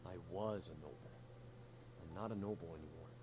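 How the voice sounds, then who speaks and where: Brief: male actor as a rebellious young demon prince, blunt and crude, low-set voice, faint hiss behind. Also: fairly quick, darkish tone, close to an everyday voice, poor audio. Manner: blunt, swears casually. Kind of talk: game voice acting.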